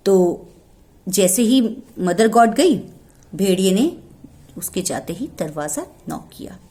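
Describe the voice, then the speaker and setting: A woman narrating a children's folk tale and then giving parenting advice, expressive and often dropping to a hushed whisper. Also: mid-range voice, slow. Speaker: storyteller and parenting speaker.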